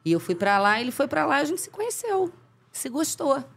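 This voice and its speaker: A woman from Brazil chats as a podcast guest. She throws back quick, witty retorts in an ordinary mid-range voice, often laughing. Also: high voice, big pitch swings, gravelly, a bit bright, a little hiss or hum. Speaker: podcast guest, clown performer. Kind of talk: casual chat.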